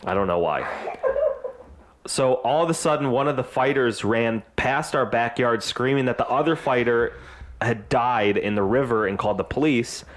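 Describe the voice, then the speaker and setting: A man's voice: mid-range voice, moderate pace, a little hiss or hum. Rambling man telling a story. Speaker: podcast co-host. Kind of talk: casual chat.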